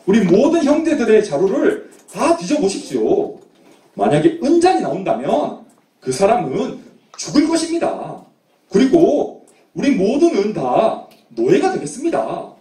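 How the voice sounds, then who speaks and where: Alarmed brothers insist on their innocence in raised, pleading voices. A man acts them out as a children's preacher. The voice sits high and lively, in an echoey room away from the mic. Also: unhurried, far from the mic, full character voice. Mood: protesting. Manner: pleading, protesting. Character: group of frightened brothers protesting innocence.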